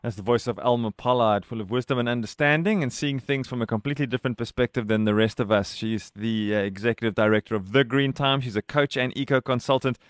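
Radio host guy, chatty and animated, mid pitch, dry sound. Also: fast talker, few pauses, no echo. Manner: animated and conversational. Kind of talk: radio interview.

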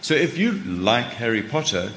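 A man's voice: medium pitch, very animated, normal speed, fairly bright tone. A South African man speaking informally on a panel as a publisher, discursive and a little hesitant. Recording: echoey hall, far reverb, faint noise.

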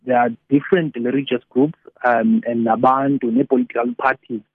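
A man with a South African Xhosa accent on a phone-like line, informally explaining religious teaching as a guest, halting and repeating phrases while switching between two languages. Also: mid-range voice, breathy edge, no room sound. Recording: narrow tinny phone-like line.

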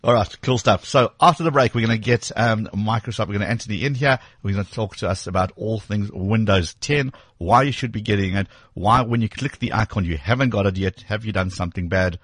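A man's voice: fairly low pitch, a bit bright, husky, no echo. A man hosting a radio tech show in studio, chatting casually and enthusiastically with lots of fillers. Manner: enthusiastic, quick, filler-heavy.

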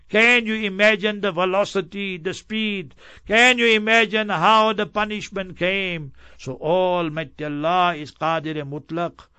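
A man's voice: sits high, pushed and bright, smooth, no echo. A man teaching a Quran commentary lesson, swiftly chanting each verse before explaining it with emphatic strings of synonyms.

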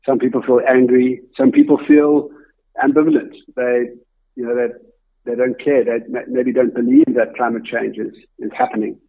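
A man with a gravelly, husky voice answers as an interview guest, thinking aloud and weighing his words. He comes through a thin, tinny remote line like a phone call. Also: medium pitch, lively intonation, normal speed. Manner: reflective, thinks aloud with fillers. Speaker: company co-founder and CEO, guest.

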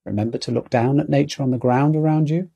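A man giving calm guided mindfulness narration as an outdoor exercise coach, speaking in a soothing, measured, instructional way. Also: mid-range voice, creaky, breathy edge, highs cut off.

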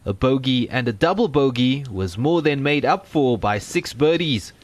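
A man reading scripted sports highlights narration as a voice-over. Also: lively intonation, normal speed.

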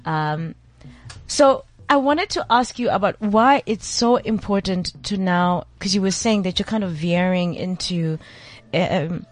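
A woman's voice: fairly low pitch, measured pace. A woman hosting a casual radio interview, with hesitant, rambling phrasing. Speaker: radio host.

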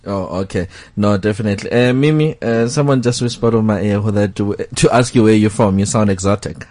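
A man's voice: on the low side, brisk. A man hosting a South African talk radio show, chatting casually with his guests. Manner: relaxed, lots of "oh, okay" and "no, definitely".

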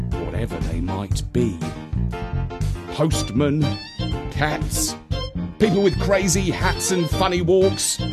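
A male storyteller reads a children's tale at an unhurried pace. His voice is playful and expressive, swinging widely in pitch. Music runs beneath the narration.

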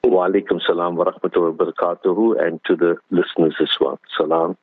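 Man, husky flu-hoarse voice, dry thin telephone sound, doctor explaining on radio. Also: deep voice, level tone, fast talker, dry recording. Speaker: doctor, radio guest expert. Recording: narrow phone-like radio line.

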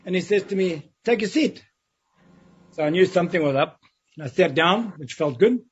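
Husky high-voiced man telling a story. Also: animated, normal speed. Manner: vivid storytelling, acts out quoted voices. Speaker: interview guest. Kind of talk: storytelling in an interview. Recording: dull lo-fi sound.

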